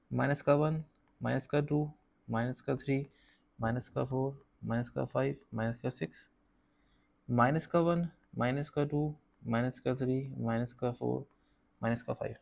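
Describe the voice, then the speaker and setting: A man's voice: mid-range voice, creaky, a little mellow. A man teaching a casual whiteboard math lesson, explaining step by step and often checking that viewers follow. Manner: counts slowly while drawing.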